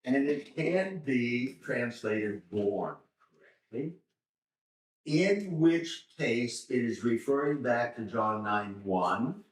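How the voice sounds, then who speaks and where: An older man, a seminary professor, slowly reading and explaining scripture to a class. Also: medium pitch, animated. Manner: slow, deliberate, pauses to explain Greek words. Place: church hall. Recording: roomy church hall, mic far off.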